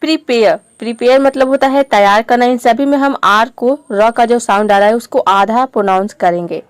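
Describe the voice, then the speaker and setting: Patient woman teacher, pitched a little high, dry and close, repeats every example word. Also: normal speed, clean tone, no room sound. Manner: patient, explains step by step and repeats words. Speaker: English pronunciation teacher. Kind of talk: classroom-style video lesson.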